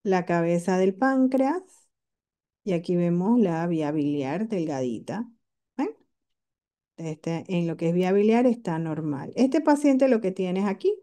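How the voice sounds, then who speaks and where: A woman with a fairly low, mellow voice teaches a radiology class. She walks through the scans step by step and keeps checking that her students follow with quick rhetorical questions. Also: animated. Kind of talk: lecture walking through CT scans.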